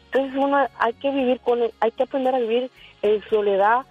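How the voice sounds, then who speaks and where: A woman calls in to a radio show and speaks with earnest, heartfelt conviction. Her husky voice comes through a tinny, dry phone line, with faint music behind. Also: on the high side, fairly even intonation, brisk, dry recording. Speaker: caller. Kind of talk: phone-in testimony.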